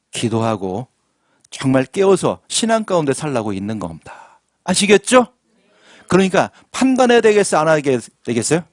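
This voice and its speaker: A pastor preaches a sermon in a church sanctuary, putting questions to the congregation and drawing call-and-response from them. His voice is medium in pitch, and the studio-quality recording has no room sound.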